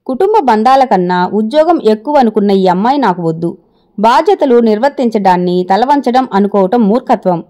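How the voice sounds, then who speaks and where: A woman's voice: fairly high pitch, lively intonation, brisk, mellow, close to an everyday voice. A woman voicing a proud young husband in a family quarrel, talking sharply and reproachfully. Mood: resentful.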